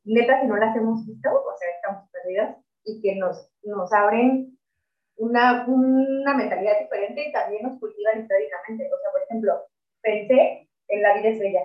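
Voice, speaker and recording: A young Mexican woman co-hosting a podcast, talking in an earnest, reflective way with casual slang. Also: medium pitch. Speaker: podcast co-host. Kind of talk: casual chat. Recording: echoey room, far from mic, dull lo-fi sound.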